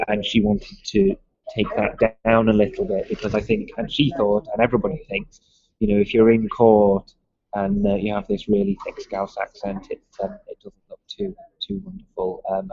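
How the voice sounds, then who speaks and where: Husky and lowish, with vocal fry and a dark tone, this voice belongs to a music school owner from Liverpool, England, who has a mild Liverpool accent. He hesitates through interview answers, full of ums and restarts. The audio is dull and lo-fi, without echo.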